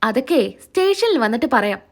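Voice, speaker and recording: A woman's voice: a little high, big pitch swings, a little fast. A woman reading the lines of a stern male police officer who curtly orders people about.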